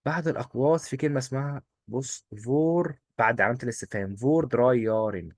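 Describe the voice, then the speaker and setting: A man with an Egyptian Arabic accent teaching a German exam-prep lesson, quizzing and answering his own questions in quick drills. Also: medium pitch, a little mellow, no room sound. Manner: coaxing, repeats rules in quick drills.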